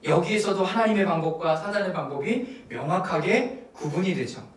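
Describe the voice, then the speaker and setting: Animated male pastor in an echoey church hall. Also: high-pitched, moderate pace, distant mic. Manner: animated teaching with acted asides and audience prompts. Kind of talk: Friday prayer meeting teaching. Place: church sanctuary.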